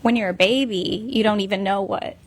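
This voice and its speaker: A woman's voice: medium pitch, steady tone, a little fast. A woman who once worked in child welfare, speaking as a guest in a casual panel chat and explaining earnestly with many fillers.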